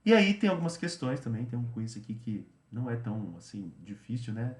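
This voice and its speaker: A male English teacher talks through a study routine in a relaxed, chatty way, often restating points and adding little tag questions. His voice sits at a middle pitch. The recording has a roomy echo, as if captured at a computer. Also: brisk. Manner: chatty, repeats himself, tags phrases with "né".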